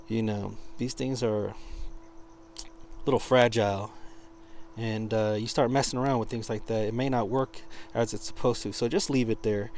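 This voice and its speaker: Casual, halting man over noisy background. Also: on the low side, darkish tone. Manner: halting, informal, searching for words. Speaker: product reviewer. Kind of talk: casual hands-on product demonstration.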